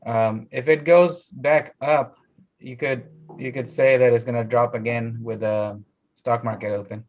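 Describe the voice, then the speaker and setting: A man's voice: medium pitch, measured pace, highs cut off. Casting: laid-back man, market chat on a live stream, easygoing and chuckling. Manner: relaxed, chuckling, talks over others. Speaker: trading stream host. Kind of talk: casual live trading chat.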